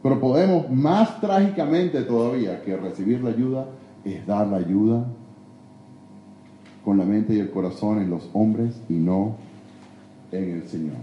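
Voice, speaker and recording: A man preaching a sermon in a church, emphatic, swinging between loud exhortation and hushed confession. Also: on the low side, unhurried, pauses often, highs cut off, a little hiss or hum. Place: church sanctuary. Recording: echoey church hall.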